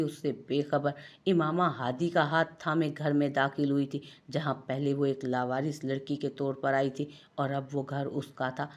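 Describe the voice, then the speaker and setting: A woman with an Urdu accent reading a romantic novel aloud, voicing all the characters herself. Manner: reads every character herself, with small pitch lifts for dialogue. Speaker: narrator.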